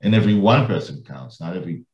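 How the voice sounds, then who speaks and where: Echoey, low-voiced man chatting. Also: animated, quick pace, darkish tone. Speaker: podcast host. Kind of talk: casual interview chat. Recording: echoey, dull lo-fi room sound.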